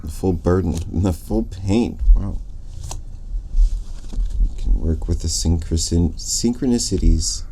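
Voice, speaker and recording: A man giving a reflective tarot reading, musing and drifting, often pausing mid-thought. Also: deep voice, warm tone, a little hiss or hum. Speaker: tarot reader.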